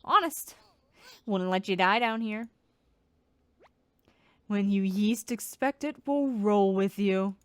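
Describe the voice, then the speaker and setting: A woman's voice: mid-range voice, slow pace, pauses often, fairly bright tone, clear, resonant tone, no room sound. A woman voicing the eager, cheerful leader of a squad of food creatures in a video game, speaking in an earnest, sing-song manner.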